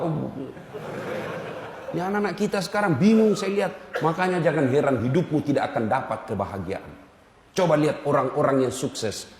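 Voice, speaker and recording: A man's voice: a little high, darkish tone, a little hiss or hum. A male Islamic preacher giving a humorous sermon, teasing and calling out to his audience. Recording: echoey hall reverb.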